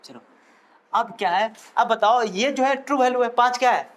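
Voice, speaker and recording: High-voiced, joking physics teacher. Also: male voice, moderate pace, fairly bright tone. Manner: teasing, jokey, quizzes the students. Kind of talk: playful classroom lecture.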